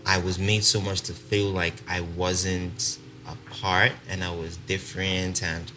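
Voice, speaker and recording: This podcast guest, a young man from Congo with a South African accent, speaks low and a little slowly while loosely telling his life story. He laughs often, uses many fillers and stays animated in this casual storytelling interview, with background noise present.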